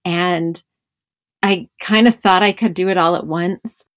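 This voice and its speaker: Reflective mother of five, low voice. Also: steady tone, a little slow, no echo, clean studio sound. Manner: reflective, thoughtful, many fillers. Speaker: podcast host. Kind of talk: casual podcast conversation.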